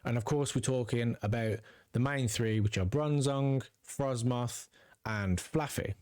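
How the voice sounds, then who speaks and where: Chatty guy talking to his viewers, mid pitch, dry close sound. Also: unhurried, darkish tone, no room sound. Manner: chatty, upbeat, addresses viewers directly. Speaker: trading card channel host. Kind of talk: casual video commentary to viewers.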